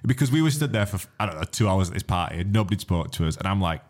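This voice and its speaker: A man's voice: low voice, animated, racing, a little mellow. A man with a Yorkshire accent, co-hosting a podcast in blunt, joking banter with frequent swearing. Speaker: podcast co-host. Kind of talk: casual chat.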